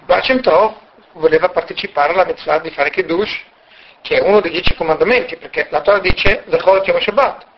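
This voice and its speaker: Man, religious teacher, animated storyteller, high voice, muffled lo-fi recording. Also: brisk, slight background noise. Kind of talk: storytelling lesson.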